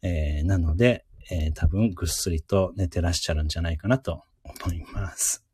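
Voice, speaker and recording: A man hosting a casual live radio lesson, chatty and encouraging, who repeats each word slowly for listeners to drill. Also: low-pitched, darkish tone, slightly rough, no room sound, clean studio sound. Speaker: radio host teaching English words.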